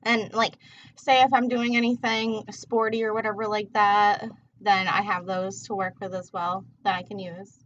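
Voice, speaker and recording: A woman's voice: mid-range voice, level tone, moderate pace, a bit bright, a little hiss or hum. A woman chatting casually on a livestream as a tarot reader, rambling in a laid-back, slangy way while she smokes. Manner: smoking while talking. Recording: dull, muffled lo-fi livestream audio.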